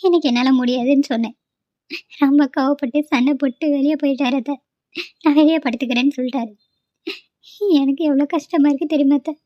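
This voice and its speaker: A woman's voice: high-pitched, dry recording, lightly acted. A woman voicing a tearful, pleading young pregnant daughter-in-law in a cartoon, on a dull lo-fi recording.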